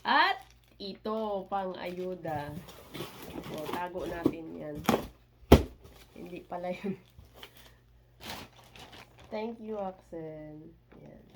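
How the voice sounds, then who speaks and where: A woman unboxing a parcel in a casual vlog, chatty and excitable, with little squeals of delight and mixed English phrases. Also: lowish voice, very slow, long pauses, heavy background noise. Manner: excitable, squeals and laughs between items; mixes Tagalog and English, chatty. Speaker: vlogger.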